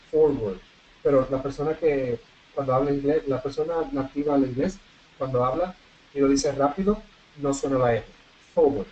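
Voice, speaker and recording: A man teaching an English vocabulary class online, switching between Spanish and English and repeating word pairs slowly for practice. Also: fairly high pitch, warm tone, dull audio, a little hiss or hum.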